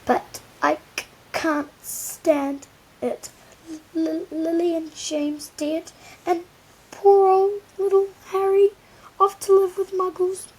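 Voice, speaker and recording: A woman's voice: fairly high pitch, steady tone, a little slow, breathy edge, rough recording. A woman voicing a big tender-hearted giant man who sobs and stammers. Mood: sobbing. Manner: sobbing, stammering.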